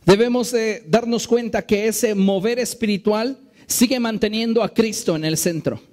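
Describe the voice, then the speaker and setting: A male pastor with a fairly high voice preaches a sermon in his church. He talks in an earnest, measured way and drags out the phrases he wants to stress. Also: darkish tone. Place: church sanctuary.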